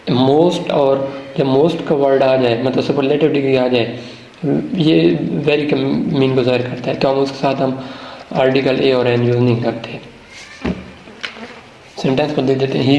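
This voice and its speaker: A man's voice: mid-range voice, darkish tone. A man teaching English grammar in Urdu, who asks questions and answers them himself. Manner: explains, then poses questions to the viewer and answers them himself; reads English example sentences slowly and deliberately. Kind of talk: classroom-style grammar lesson. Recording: roomy, echoey room.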